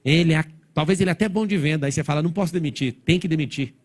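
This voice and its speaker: A male motivational speaker talking fast to a live crowd, his words coming in quick bursts. His voice sits a little on the high side. His delivery is blunt and provocative. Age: adult, father of four. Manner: blunt, provocative, rapid-fire. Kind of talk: motivational stage talk to a live audience.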